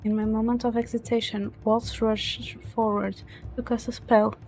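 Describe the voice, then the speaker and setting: A woman's voice: fairly high pitch, little pitch movement, moderate pace, darkish tone, soft background music. A woman streamer reading story narration aloud from a visual novel, dramatic but stumbling over words now and then.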